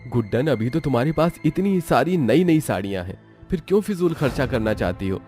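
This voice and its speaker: A man's voice: mid-range voice, expressive, fairly quick, darkish tone, soft background music, natural voice. A man voicing a mildly exasperated young husband who scolds in a plain, reasonable way. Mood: reasoning.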